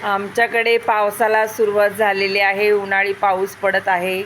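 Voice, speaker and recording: Woman family vlogger, casual and fairly flat delivery, some outdoor noise behind her. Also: medium pitch, normal speed. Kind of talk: casual narration to camera. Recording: noisy outdoor home video.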